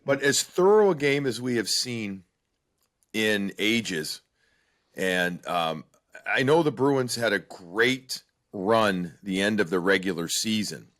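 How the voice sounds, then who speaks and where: A man co-hosting a sports podcast, talking with animated emphasis in casual chat. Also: lowish voice, slow. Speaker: podcast co-host.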